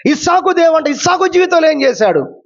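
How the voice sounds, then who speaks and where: A man's voice: very high-pitched, sing-song, brisk, muffled recording. A man preaching a sermon as pastor, building repeated phrases into rising exclamations.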